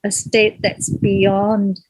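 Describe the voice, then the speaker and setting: A middle-aged woman from Malaysia, a singer being interviewed, speaking gently and thoughtfully and pausing to find her words. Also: medium pitch, monotone, breathy edge, no room sound, rough recording. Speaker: guest, kirtan singer. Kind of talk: reflective interview conversation.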